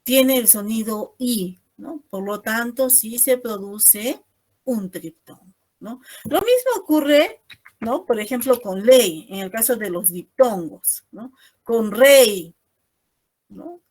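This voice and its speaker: A woman's voice: fairly high pitch, lively intonation, takes it slowly, darkish tone. A woman teacher giving an online class over a video call, explaining patiently and ending most phrases with a questioning "no?".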